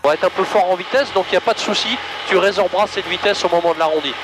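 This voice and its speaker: A man coaching a student pilot in a small plane's cockpit over a headset intercom, calm, encouraging and casual. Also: high-pitched, racing, over music, low-quality recording. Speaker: flight instructor. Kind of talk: in-flight coaching.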